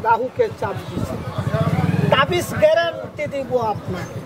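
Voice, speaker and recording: A man's voice: extremely high pitch, big pitch swings, measured pace. A man hawking amulets on the street with an insistent, repetitive sales patter in short phrases. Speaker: street hawker selling amulets and herbal charms. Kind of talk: street sales pitch to a crowd. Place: outdoors at a busy public spot. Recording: busy outdoor street, loud crowd and traffic.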